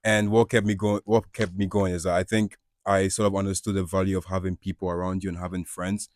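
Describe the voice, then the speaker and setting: A young man from Ghana, a panelist talking slowly and thoughtfully, often restarting his words. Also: low voice, level tone. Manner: slow, thoughtful and self-repairing. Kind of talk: casual panel talk.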